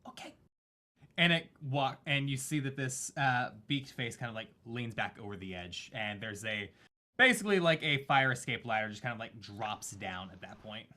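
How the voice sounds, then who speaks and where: A man's voice: medium pitch, lively intonation, moderate pace, bright, forceful tone. A man narrating as game master in a casual, rambling way.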